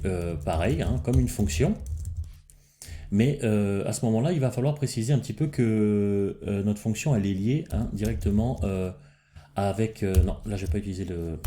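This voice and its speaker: A man's voice: lowish voice, mellow, slight background noise. A man hosting a casual coding lesson, thinking aloud as he works, with frequent fillers and restarts. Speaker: programming tutorial host.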